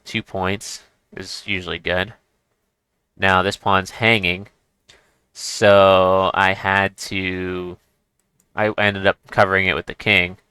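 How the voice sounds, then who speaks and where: A man's voice: low-pitched, flat delivery, slow, pushed and bright, smooth, no room sound. A man giving casual chess commentary as he plays, thinking aloud and restarting his sentences. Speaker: chess streamer.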